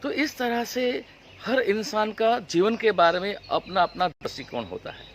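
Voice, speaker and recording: A man's voice: high-pitched, lively intonation, measured pace, a bit bright, a little hiss or hum. A man who is a spiritual teacher gives a motivational talk with a story, speaking earnestly and persuasively and often calling his listeners friends. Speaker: spiritual teacher leading retreats.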